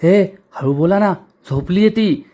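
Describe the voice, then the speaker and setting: A man voicing a caring young husband who hushes and scolds the people around him. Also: high-pitched, unhurried. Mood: pleading, scolding. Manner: hushed, pleading.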